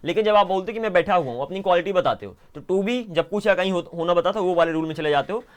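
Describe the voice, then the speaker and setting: A man's voice: high-pitched, fast talker, smooth. A man with a Hindi accent teaching English grammar in a patient, explaining style, often checking that students follow. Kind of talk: online grammar lesson.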